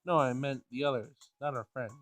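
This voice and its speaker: A man with a medium-pitched voice reads a visual novel aloud while playing it, Let's Play style, going a little fast. He sometimes trips over words and rereads lines, and the recording has no echo.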